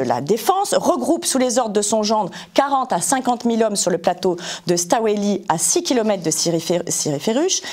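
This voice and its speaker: A woman's voice: medium pitch, darkish tone. A woman giving a spoken historical account, hesitant with frequent fillers and self-corrections. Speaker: history presenter.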